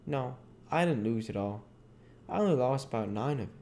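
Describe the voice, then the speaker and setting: Man voicing Jim, earnest folksy man, pitched up. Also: lively intonation, normal speed, darkish tone, close to an everyday voice. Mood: matter-of-fact. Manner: folksy, emphatic, dialect-heavy speech. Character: Jim, superstitious runaway man in old American South, earnest. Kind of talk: storybook character reading. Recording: audible background noise.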